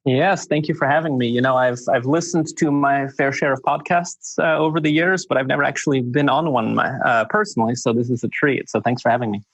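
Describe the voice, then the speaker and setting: A man in his mid-thirties with an American accent talks as a guest in a casual interview. He lays out his thoughts carefully and softens them with "kind of" and "you know". His voice is at an ordinary pitch, with a dry, close sound. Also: fairly quick, few pauses, no echo. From Switzerland. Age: 30s. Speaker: guest investor.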